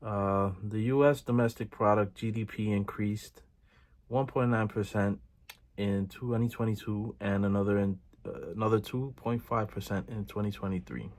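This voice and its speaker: A man hosting his own channel, giving measured commentary and reading out statistics with frequent filler pauses. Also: fairly low pitch, a little mellow. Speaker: video host.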